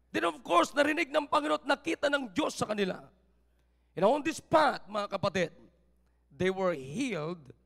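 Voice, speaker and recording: A male pastor preaching a sermon, mixing Tagalog with English scripture quotes and rising to shouts. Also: very high voice, vocal fry, long reverb tail. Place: church sanctuary.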